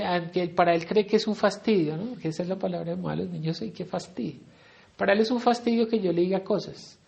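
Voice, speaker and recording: A man's voice: sits high, gravelly, a little mellow, lo-fi sound. A middle-aged man with a Colombian accent teaching a Bible study sermon in a conversational way, often asking his listeners questions. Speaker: preacher.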